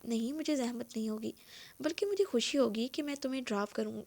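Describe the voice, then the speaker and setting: A woman voicing a kind, caring young woman friend who gently coaxes. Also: fairly high pitch.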